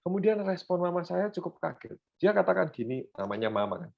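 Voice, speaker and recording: An animated male preacher with a Surabaya accent delivers a sermon, calling out to the congregation and dropping in English phrases. His voice sits fairly high and swings widely in pitch. The recording is dull and lo-fi. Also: a little fast, vocal fry. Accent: Surabaya Javanese. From Surabaya, Indonesia. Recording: dull lo-fi sound.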